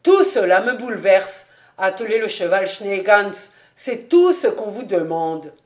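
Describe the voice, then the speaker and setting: A woman voicing a serious middle-aged male tax collector who speaks loudly and emphatically, lecturing. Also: medium pitch, expressive, unhurried, natural voice. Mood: gruff, weary.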